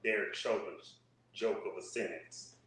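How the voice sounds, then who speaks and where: A lower-voiced man whose sound echoes heavily, as if it comes from a second device far from the mic. He chats in a laid-back, halting way with fillers. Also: crowd noise. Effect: echoing, far-off sound from a second device on a call. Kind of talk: casual chat. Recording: heavy echo, distant call audio.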